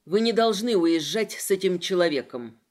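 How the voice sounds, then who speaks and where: A woman's voice: fairly low pitch, lively intonation, normal speed, a little mellow, close to an everyday voice. A woman voicing an earnest young male lieutenant who pleads and proposes marriage. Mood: pleading.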